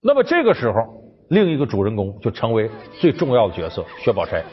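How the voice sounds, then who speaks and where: A man giving a colloquial, animated storytelling lecture on a classic novel, speaking straight to his listeners. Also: medium pitch, fast talker. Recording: dull, with background music.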